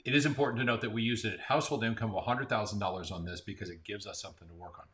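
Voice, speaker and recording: An American real estate agent from Central Florida co-hosts a casual chat about the real estate market, talking conversationally. His lowish, steady, slightly bright voice races along as he explains figures with frequent restarts, with slight background noise.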